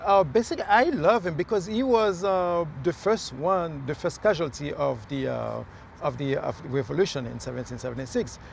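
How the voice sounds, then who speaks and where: A man's voice: fairly high pitch, moderate pace, gravelly, a little hiss or hum. A man from Haiti, a mayoral candidate, talking earnestly in a casual outdoor interview with many fillers and restarts. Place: outdoors in a city near traffic.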